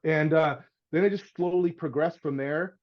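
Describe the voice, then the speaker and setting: A middle-aged house painter, guesting on a podcast, spins a loose and casual story, acting out everyone's voices and tossing in "man" and "dude." His voice sits on the high side at a normal speed, with the highs cut off.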